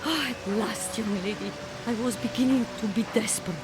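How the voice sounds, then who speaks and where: A woman's voice: a little high, fairly quick, music in the background, close to an everyday voice. A woman playing an anxious, motherly elderly grand lady in a video game, theatrical and fretful. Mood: weary, motherly. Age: older.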